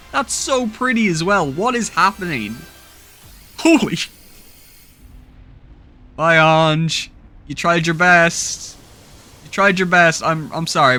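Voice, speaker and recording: A young man commenting on a video game he is playing, reacting with open excitement and emotion and recapping his progress. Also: fairly high pitch. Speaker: gaming YouTuber. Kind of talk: gameplay commentary and recap narration.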